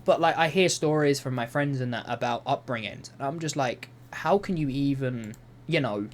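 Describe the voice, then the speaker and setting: A man's voice: mid-range voice, normal speed, a little hiss or hum. A young man reading reddit posts aloud and commenting on them in an exasperated, rambling way, swearing often. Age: young adult. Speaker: YouTuber. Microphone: voice-over over gameplay footage.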